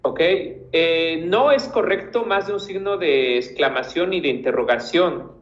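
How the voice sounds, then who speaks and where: A man's voice: on the high side, measured pace, roomy sound, muffled recording. A man teaching a class, patiently giving feedback to students by name and restarting his sentences as he thinks. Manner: patient, encouraging, gives corrections by name.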